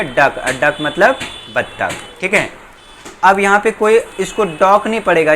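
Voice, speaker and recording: Bright-voiced man teaching in question-and-answer drills. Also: a little high, a little hiss or hum. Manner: asks questions and answers them himself, repeating each word. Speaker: English teacher. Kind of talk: board lesson explaining English spelling.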